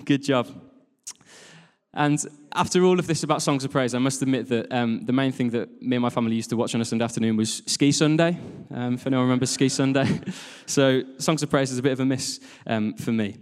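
In a large church hall before a congregation, a British worship leader gives an informal, jokey sermon, drawing listeners in with questions. His medium-pitched, slightly mellow voice moves briskly, and the live recording is reverberant.

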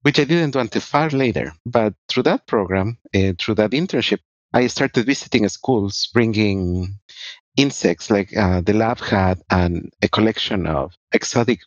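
Man from ecuador talking about his path, lowish voice, dry dull-sounding mic. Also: normal speed, no room sound. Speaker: guest researcher. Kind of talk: interview answers.

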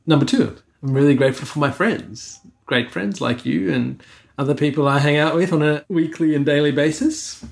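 A man's voice: a little high, normal speed, vocal fry. A middle-aged man from Sri Lanka co-hosting a casual podcast, talking earnestly and reflectively through a list. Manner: earnest, reflective, lists things one by one. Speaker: podcast co-host.

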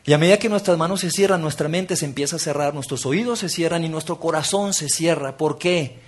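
A man preaches a practical sermon. He talks to the crowd directly, asks them to join in, and often lowers his voice to a soft, close tone to stress a point. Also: a little fast, breathy edge. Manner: engaging, interactive, leads audience exercises; drops to soft intimate tone for key points.

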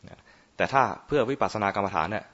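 A man's voice: lowish voice, quick pace, fairly bright tone. A man, a Buddhist monk, giving an informal dharma talk on meditation in a playful, teasing way, often quizzing his listeners. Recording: muffled lo-fi recording.

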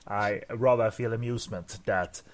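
A man's voice: lowish voice, fairly even intonation, moderate pace, slight background noise. A man co-hosting a casual movie podcast, stammering and repeating words, often chuckling. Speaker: podcast co-host.

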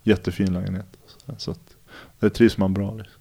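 A man in his thirties speaks as a relaxed interview guest. His voice sits fairly low, and he tells stories casually, with plenty of fillers and slang. He rambles comfortably from one anecdote to the next. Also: gravelly. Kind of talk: casual conversational storytelling.

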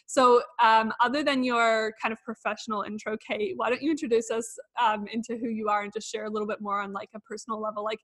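A woman's voice: a little high, little pitch movement, quick pace, hardly any pauses, a bit bright. A woman hosting a podcast, bubbly and giggly, chatting casually with many fillers. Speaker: podcast host.

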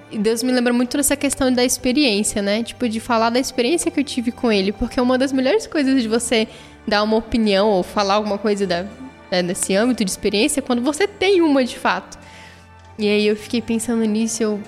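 Lady telling her faith story, earnest and emotional, echoey with quiet music. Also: fairly high pitch. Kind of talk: personal faith testimony. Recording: long reverb, soft music behind.

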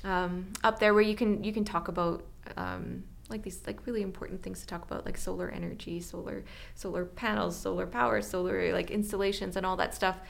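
A woman's voice: lowish voice, fairly quick, creaky, few pauses. A woman from Northern Alberta answering interview questions casually about her solar project, with lots of fillers and restarts. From Northern Alberta, Canada. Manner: chatty, many fillers and restarts.

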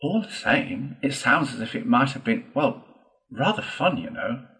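A man's voice: mid-range voice, big pitch swings, a little slow, a bit bright, pitched above the performer's own voice, low-quality recording. Man playing a meek, hesitant little mole. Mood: loyal, wistful. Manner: hesitant, eager to please. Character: meek, loyal, wistful little male mole.

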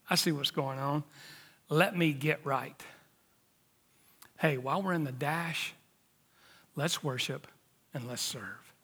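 A man's voice: fairly high pitch, fairly bright tone, big-room sound. A man, preaching a sermon emphatically and sometimes dropping to a near-whisper for emphasis. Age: 50s. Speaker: pastor.

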